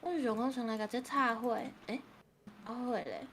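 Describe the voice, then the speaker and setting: A woman guesting on a game stream, chatting in an excitable, animated way. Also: a little high, moderate pace, a loud crowd. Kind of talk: casual gaming chat.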